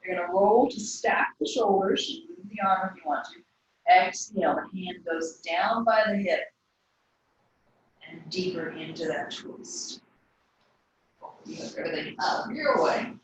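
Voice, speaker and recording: A woman leads a yoga class in a studio. She gives calm instructions timed to the breath. Her voice comes from a distance and echoes heavily through the room over a faint hum. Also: on the low side, a little slow. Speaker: yoga teacher.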